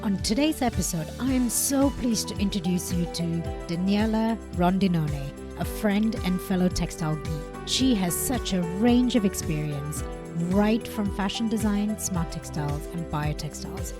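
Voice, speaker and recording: A woman's voice: mid-range voice, animated, moderate pace. A woman hosting a textiles podcast, reading her intro and interview questions with an enthusiastic, upbeat manner. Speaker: podcast host. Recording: music bed behind the voice.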